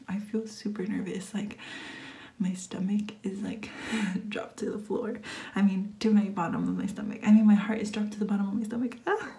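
A woman's voice: mid-range voice, dark tone. A woman in her twenties whispering a late-night vlog at home into her phone, nervous and rambling. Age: 20s. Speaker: vlogger. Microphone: phone camera.

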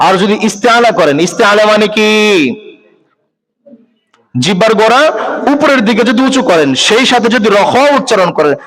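High-voiced man teaching recitation rules. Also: lively intonation, brisk, pauses often, a bit bright, low-quality recording. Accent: Bangladeshi Bengali. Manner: explains step by step, asks rhetorical questions to students. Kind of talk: tajweed lesson, spoken explanation.

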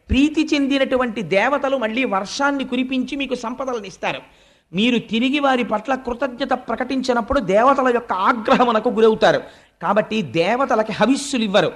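A man giving a religious discourse, preaching with rhetorical questions and slow, drawn-out emphatic lists. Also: high-pitched. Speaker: spiritual discourse speaker. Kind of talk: Telugu religious discourse on the Bhagavatam.

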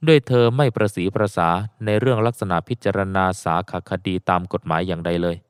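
A man narrating an audiobook in a steady storytelling cadence, close to the mic. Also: on the low side, brisk, smooth, no room sound.

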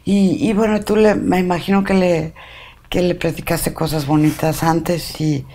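A Mexican woman hosting an interview, offering brief, gentle prompts and remarks. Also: fairly low pitch, steady tone, measured pace. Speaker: interview host. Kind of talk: interview conversation.

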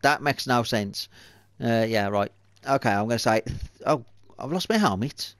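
A man's voice: mid-range voice, moderate pace, no echo, clean studio sound. A man hosting a let's-play video, muttering to himself and swearing in exasperation as he plays. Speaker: gaming video host. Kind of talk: let's-play game commentary.

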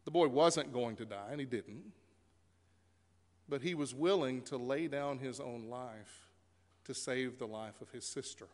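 A man's voice: mid-range voice, measured pace, darkish tone. A man preaching a sermon as pastor in a church sanctuary, telling stories in a conversational way with occasional fillers. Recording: long reverb of a church sanctuary.

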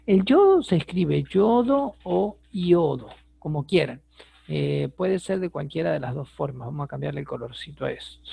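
A man's voice: on the high side, animated, moderate pace, vocal fry, dark tone, slightly rough, dry recording. A man teaching an online chemistry lesson, patient and repetitive, checking in with his students as he writes. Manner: patient, repeats words, asks rhetorical checks.

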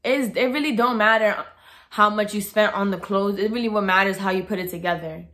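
A woman in her twenties vlogs to camera from her bedroom, speaking casually and bluntly in a mid-range voice that runs a little fast. She's outspoken and talks animatedly with her hands.

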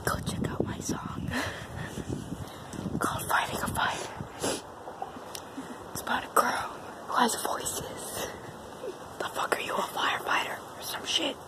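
A woman whispering through a joking parody of ASMR, hushing and telling crude, silly jokes. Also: slow, long pauses, poor audio.

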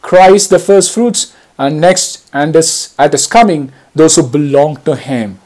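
A man preaching a slow, deliberate Easter homily, reading passages of scripture aloud. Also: a little high, a little mellow. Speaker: priest.

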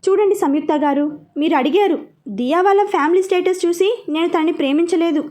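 A woman's voice: very high voice, brisk, warm tone. A woman voicing an indignant young man in a storybook reading, insisting on his choice. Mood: defiant. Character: defiant young man in love.

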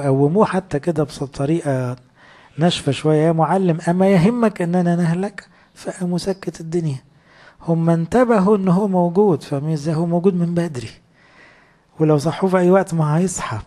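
Egyptian male preacher, rapid and conversational, husky low-key timbre. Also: dark tone. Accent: Egyptian Arabic. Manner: conversational, asks rhetorical questions. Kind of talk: sermon.

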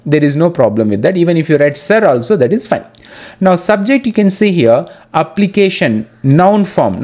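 A man's voice: a little high, darkish tone. A man teaching an exam-prep lesson over slides, explaining step by step and repeating key points for students. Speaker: English teacher.

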